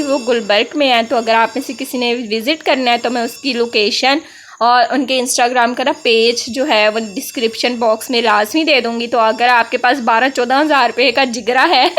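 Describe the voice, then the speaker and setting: Young Pakistani woman, Urdu accent with Punjabi touches, high and chatty, for a vlog voice-over. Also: a bit bright. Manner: chatty storytelling, peppered with "na", often laughing. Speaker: vlogger. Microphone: voice-over mic.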